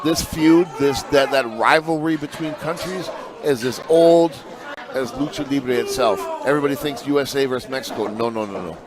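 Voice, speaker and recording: A man's voice: mid-range voice, moderate pace. A man giving conversational color commentary as a lucha libre announcer, colloquial and emphatic, often repeating phrases. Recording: noisy venue with crowd behind.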